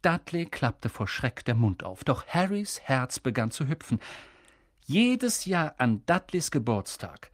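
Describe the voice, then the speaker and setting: An expressive audiobook narrator telling a story with a lively, varied pitch. The recording is dry and close. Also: no room sound. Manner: expressive, voices the characters.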